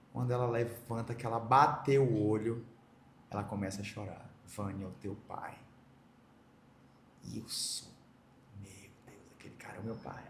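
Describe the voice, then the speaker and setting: A middle-aged man from Brazil recounts a deeply personal reunion as an interview guest. He tells it vividly, slipping into the voices of the people he quotes. His mid-range voice echoes in the room, over a faint background hiss. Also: gravelly, a little mellow. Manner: emotional, vivid storyteller acting out quoted dialogue. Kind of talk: personal storytelling in a podcast interview.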